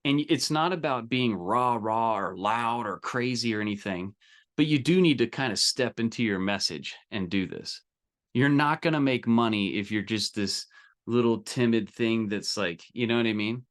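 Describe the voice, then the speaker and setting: With a medium-pitched, fairly bright voice at normal speed, a man coaches a business group live on a training call. He is direct, casual, emphatic and salesy, often checking that listeners are with him.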